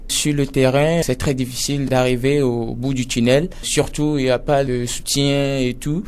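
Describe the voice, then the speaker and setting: A man answers radio questions as an association president. His voice is medium-pitched, and he speaks in a measured, plain way with fillers. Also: little pitch movement, a little mellow, clear, resonant tone. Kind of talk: radio interview.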